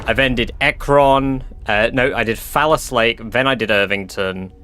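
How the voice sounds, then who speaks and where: A man's voice: medium pitch, normal speed, bright, forceful tone, clean tone. A man livestreaming a game in casual, sweary chat, saying w for r. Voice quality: cannot pronounce R's, says w for r. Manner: informal, sweary.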